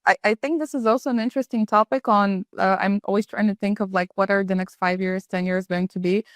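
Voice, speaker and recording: A woman's voice: medium pitch, fairly even intonation, fast, dry recording, clean studio sound. A woman from Bulgaria interviewing a guest in a conversational, curious way with some fillers. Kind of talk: business interview.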